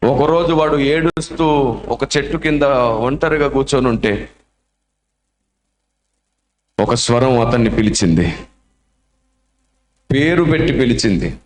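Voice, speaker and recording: A man's voice: medium pitch, unhurried, long pauses. Male preacher, sermon story, dramatic and emotional, reverberant church hall. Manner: dramatic, emotional, acts out the voices.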